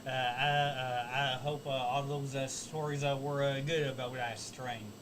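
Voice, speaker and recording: A man co-hosting a casual wrestling talk show, speaking haltingly with many filler sounds. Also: mid-range voice, steady tone, noisy background. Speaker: co-host.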